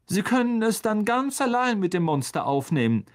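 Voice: medium pitch, expressive, normal speed, darkish tone, pitched above the performer's own voice, close to an everyday voice. A reader doing a stern older teacher woman. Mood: cutting.

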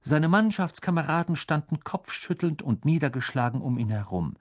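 A man narrating an audiobook in a lively, expressive reading style. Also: a little high, normal speed. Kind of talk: scripted narration.

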